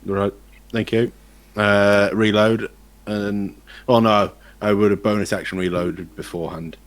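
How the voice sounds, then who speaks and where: A man's voice: fairly low pitch, flat delivery, a little slow. A man playing a tabletop game, explaining his character's actions. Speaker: player. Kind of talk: casual tabletop game chat.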